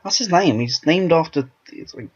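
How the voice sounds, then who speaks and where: A man's voice: on the high side, lively intonation, moderate pace, breathy edge. Rambling man commentating a game. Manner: rambling, self-interrupting chatter. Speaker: let's play host. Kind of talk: casual gameplay commentary. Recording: dull lo-fi recording.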